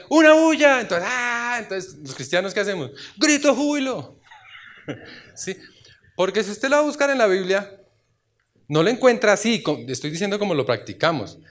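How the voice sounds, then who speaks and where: In church, a man with a medium-pitched voice preaches a sermon, chatting with the congregation and asking rhetorical questions. He sometimes breaks into loud exclamations.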